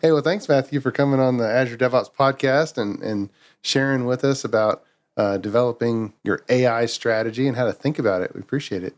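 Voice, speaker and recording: Male podcast host, mid-pitched, easygoing interviewer. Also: fairly quick. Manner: conversational, asks questions. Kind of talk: casual interview talk.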